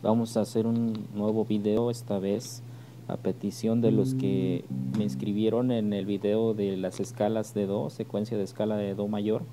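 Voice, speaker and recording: A man with a Mexican accent teaching bass guitar step by step, patient and often checking in with "ok?". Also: level tone, normal speed. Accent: Mexican Spanish. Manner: patient, repeats "¿ok?" to check understanding. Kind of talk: step-by-step music tutorial. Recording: loud bass playing behind the voice.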